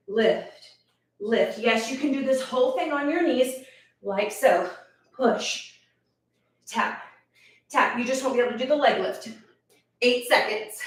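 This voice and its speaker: A woman leads a workout, out of breath as she counts reps and cheers people on. She talks slowly, in a slightly high voice. The sound is roomy and echoing, with her standing back from the microphone. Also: fairly bright tone. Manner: encouraging, counts reps aloud. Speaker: fitness instructor. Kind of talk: live workout instruction. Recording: echoey room, voice from a distance.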